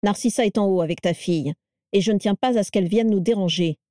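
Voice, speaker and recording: A woman voicing a calm, cold and menacing aristocratic wizard in a storybook reading. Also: medium pitch, fast talker, no room sound, studio quality, close to an everyday voice.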